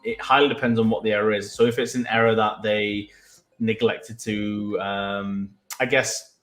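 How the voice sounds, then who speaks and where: A man from Manchester with a Mancunian accent and a medium-pitched voice co-hosts a casual business podcast, explaining web development in a conversational, halting way. The room sounds echoey.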